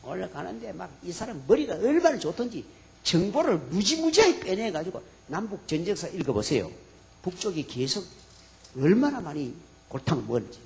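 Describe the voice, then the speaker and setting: Brief: a male preacher with a Gyeongsang accent telling a sermon story animatedly, pitched high. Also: gravelly. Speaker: pastor.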